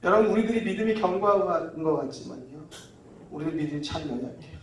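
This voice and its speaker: A man's voice: fairly high pitch, lively intonation, quick pace, slight background noise. Male pastor preaching in an echoey hall. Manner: conversational preaching with call-and-repeat. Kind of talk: sermon. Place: church sanctuary. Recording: echoey church hall from far off.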